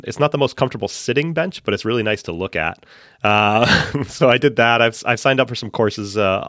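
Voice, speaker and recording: A man with a lowish voice speaks as a podcast guest in relaxed, easygoing chat. He is from central Massachusetts and often stops to restart his sentences. The sound is dry and close, with almost no room in it. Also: no room sound. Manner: relaxed, chatty, with frequent fillers and restarts. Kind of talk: casual interview chat. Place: home basement.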